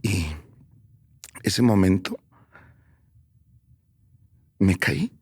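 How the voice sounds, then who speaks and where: A man giving a personal testimony on the radio, telling his story haltingly and often dropping to a soft near-whisper. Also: sits low, no room sound. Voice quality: creaky, husky voice.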